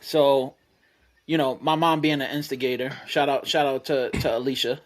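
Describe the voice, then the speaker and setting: A man in his thirties on a podcast panel, telling a profane story with lively energy and acting out the other people's lines. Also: mid-range voice, moderate pace. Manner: animated storyteller, profane, acts out quotes. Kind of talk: casual storytelling chat.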